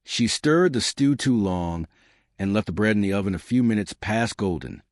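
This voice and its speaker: A man narrating a scripted heartfelt story in a soft, measured, emotive way. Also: on the low side, expressive, no room sound, studio quality.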